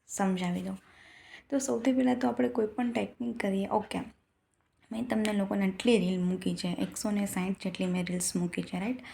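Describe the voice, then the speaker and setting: A woman's voice: mid-range voice, creaky, warm tone, a little hiss or hum. A woman giving an earnest motivational talk to her followers, lecturing with many rhetorical questions. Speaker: motivational speaker.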